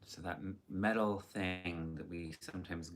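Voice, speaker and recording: A man co-hosting a casual perfume chat, adding dry deadpan quips. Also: sits low, measured pace. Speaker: co-host.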